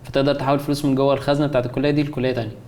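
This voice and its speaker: Speaking very fast in a mellow, medium-pitched voice with little pitch movement, an Egyptian Arabic-accented man in his twenties chats casually. He is a guest and a concept artist. Slight background noise is present, and his talk is hesitant, packed with fillers and restarts.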